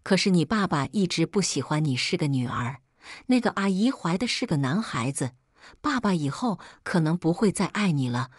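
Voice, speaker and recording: A woman narrating a dramatic story in a calm, measured way with lively emotion. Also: fairly low pitch, dry recording, clean studio sound.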